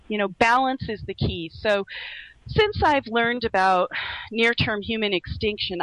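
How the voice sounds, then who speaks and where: A middle-aged woman who grew up in Laos, a radio guest speaking earnestly and reflectively, with many pauses and restarts. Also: medium pitch, dry recording, poor audio. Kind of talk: earnest conversation.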